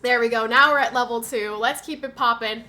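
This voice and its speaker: A young woman streamer chats casually with her viewers, her voice a little high, fairly quick, pushed and bright, with fairly even intonation. A cold has left her stuffy and nasal, and she rambles through stories packed with fillers.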